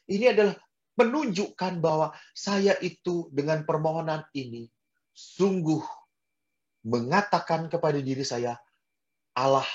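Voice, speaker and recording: Expressive male priest preaching. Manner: expressive, wide swings in pitch and loudness; drops in English phrases. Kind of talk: sermon to a prayer group.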